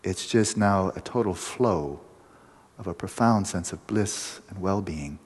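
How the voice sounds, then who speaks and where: A man giving a meditation talk to a group, explaining in vivid images with pauses and restarts. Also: low voice, slightly rough, in a large hall. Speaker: meditation teacher. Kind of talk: dharma talk to a retreat group.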